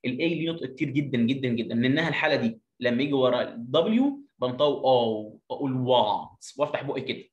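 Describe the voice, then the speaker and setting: A man with an Egyptian accent teaching a phonics reading lesson, reading English sentences slowly and then explaining them quickly in Arabic. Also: medium pitch, reverberant, highs cut off.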